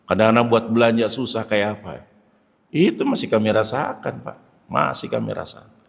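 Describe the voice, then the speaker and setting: Animated man preaching in an echoey hall. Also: moderate pace, vocal fry. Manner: animated, swings between shouted stress and low prayerful murmurs. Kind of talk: sermon. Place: mosque hall.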